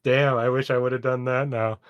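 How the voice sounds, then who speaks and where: A man's voice: medium pitch, little pitch movement, normal speed, dull audio, a loud crowd. A man co-hosting a casual book-club podcast who rambles, laughs often and searches for his words on a close mic. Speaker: podcast co-host.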